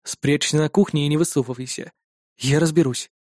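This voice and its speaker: A woman's voice: on the low side, lively intonation, fairly quick, dark tone, no room sound, studio quality. A woman voicing a cold, commanding young male bodyguard in an audiobook. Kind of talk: audiobook character voice.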